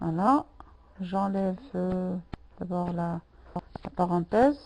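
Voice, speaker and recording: Slow, patient woman teaching French. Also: lowish voice, a little mellow, a little hiss or hum, poor audio. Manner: patient, repeats words and corrects students by name. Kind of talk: online language lesson.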